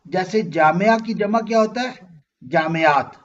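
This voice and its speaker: A man's voice: sits high, unhurried, dull audio, a little hiss or hum. A man, teaching Arabic grammar in an online class and patiently quizzing his students. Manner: patient, asks students questions and checks understanding.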